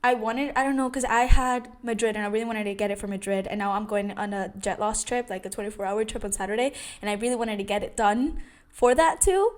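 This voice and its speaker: A woman's voice: medium pitch, quick pace. A young adult woman telling a personal story in a casual vlog, chatty, with many fillers and restarts. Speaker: vlogger.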